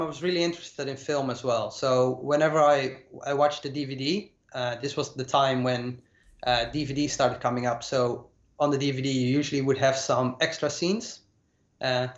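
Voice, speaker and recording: Speaking as a guest in a class, a Dutchman in his late twenties who works in compositing describes his career casually, stumbling over "uh"s and repeating words. His voice is mid-pitched, and the audio sounds roomy, muffled and lo-fi, like a call.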